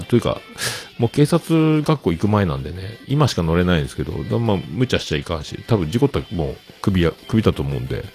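Deep gravelly man telling stories. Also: a little mellow. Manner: chatty, acts out other people's lines in quotes. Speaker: host. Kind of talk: casual storytelling monologue.

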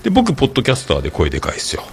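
A man's voice: mid-range voice, huge pitch swings, racing, gravelly, slight background noise. A man, hosting a casual podcast monologue, rambling through stories with many filler sounds. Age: 40s. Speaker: podcast host. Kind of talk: casual podcast monologue reading listener comments.

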